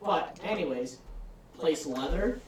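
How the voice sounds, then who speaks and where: A man's voice: fairly high pitch, lively intonation, slow pace. A man playing a tabletop game, describing his character's actions in a rambling way and often restarting his sentences. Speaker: player. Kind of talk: casual tabletop game chat. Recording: roomy distant mic with faint noise.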